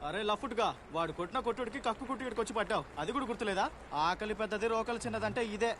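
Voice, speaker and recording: Rapid-fire, hot-headed young man. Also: high-pitched, a bit bright, slight background noise. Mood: mocking, agitated. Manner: agitated, mocking. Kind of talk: comic film dialogue.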